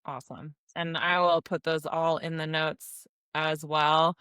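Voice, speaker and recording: A woman's voice: deep voice, little pitch movement, unhurried, fairly bright tone, clear, resonant tone, no room sound. A woman hosting a casual podcast interview, enthusiastic and candid, swearing now and then. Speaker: podcast host.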